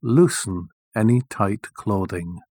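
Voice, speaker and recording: A man leading a guided meditation, speaking softly and soothingly with long, deliberate pauses. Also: lowish voice, no room sound, studio quality.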